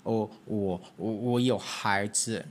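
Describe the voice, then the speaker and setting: A man voicing a big, fat, bashful tomcat in a children's storybook, stammering and hesitant. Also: takes it slowly. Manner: stammering, hesitant, low muttering.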